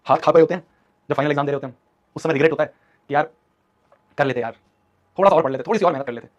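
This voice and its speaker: Fast, urgent young male teacher. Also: a little high. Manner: urgent, scolding, repetitive. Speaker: online teacher. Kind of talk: motivational class talk. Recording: dull lo-fi stream audio.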